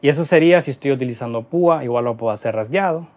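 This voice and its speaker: A man's voice: mid-range voice, racing. A man teaching a guitar lesson in Spanish, explaining rhythm patterns and counting beats aloud as he plays. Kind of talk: instructional lesson. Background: guitar playing.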